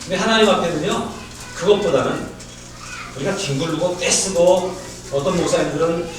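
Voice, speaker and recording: A male pastor giving a conversational sermon, quizzing the congregation with rhetorical questions and moving between lively raised passages and quiet asides. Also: high-pitched, moderate pace. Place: church sanctuary. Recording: very echoey church, mic far off.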